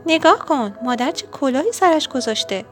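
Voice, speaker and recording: A woman doing little Poppy, a high excited girl. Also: soft background music.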